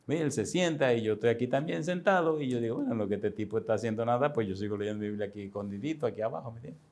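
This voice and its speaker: A man's voice: mid-range voice, rapid-fire, a little mellow. Chatty older male pastor telling a story. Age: 60s. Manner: conversational, addresses listeners directly, chuckles often. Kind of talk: sermon storytelling.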